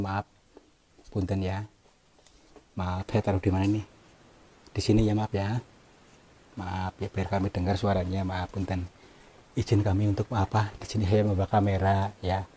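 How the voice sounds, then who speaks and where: A man exploring a cave, talking in a hushed, hesitant and apologetic way with many fillers. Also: low-pitched, a little hiss or hum. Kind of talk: hushed polite on-location talk.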